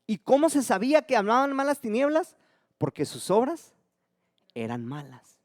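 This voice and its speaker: A man preaching a sermon as pastor, swinging between loud emphatic calls and soft, dropped lines. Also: very high-pitched, huge pitch swings, normal speed, no echo, studio quality.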